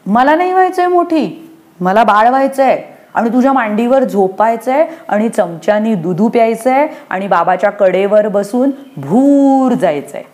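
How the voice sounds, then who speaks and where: A jealous little girl from a storybook, whining and sulking in a high, pleading childish voice, as a woman narrator puts her on. She is petulant and stubborn, tugging for attention. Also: animated, a little slow, darkish tone.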